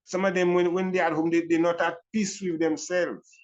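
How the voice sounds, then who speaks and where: A man's voice: high-pitched, little pitch movement. Older Caribbean man, Rastafari reasoning, dull recording. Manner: Rastafari elder's reasoning speech, deliberate phrasing with repetitions and "you know". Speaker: Rastafari elder. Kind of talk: reflective reasoning talk.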